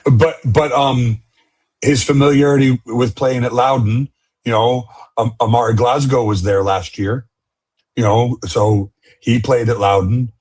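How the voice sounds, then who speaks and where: Laid-back guy co-hosting a soccer podcast, a bit raspy, cracks little jokes. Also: mid-range voice, fairly even intonation, a little slow, darkish tone. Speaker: podcast co-host. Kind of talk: casual sports chat.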